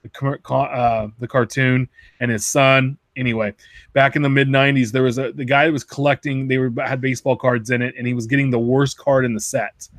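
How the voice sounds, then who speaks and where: A man's voice: mid-range voice, level tone, a little fast, no echo. A man co-hosting a casual podcast chat, rambling and correcting himself as he tells stories and jokes. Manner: rambling, self-correcting, jokey. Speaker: podcast co-host.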